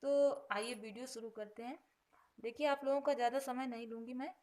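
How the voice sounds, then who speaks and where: A woman teaching a vocabulary lesson. She explains patiently, repeating each word before its meaning, and stresses each headword louder before dropping low on the grammar note. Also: steady tone, fairly quick. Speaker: Sanskrit teacher.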